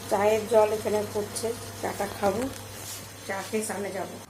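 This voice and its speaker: A woman's voice: medium pitch, flat delivery, brisk, reverberant, heavy background noise. A middle-aged woman vlogging casually as a mother, chatting as she goes about her kitchen chores. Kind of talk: casual vlog narration. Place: home kitchen, indoors.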